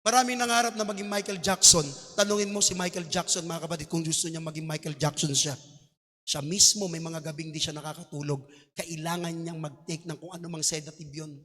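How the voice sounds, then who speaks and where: A male pastor with a Filipino accent preaching a sermon, mixing Tagalog and English and building to loud exhortations. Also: a little high, steady tone, a little fast. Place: church hall. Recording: long hall reverb.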